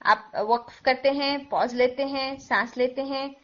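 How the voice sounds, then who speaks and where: High-voiced woman teaching Quran recitation rules. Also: steady tone, unhurried, a bit bright. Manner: patient, explains step by step, mixes in English words. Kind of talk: tajweed lesson. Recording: dull lo-fi recording.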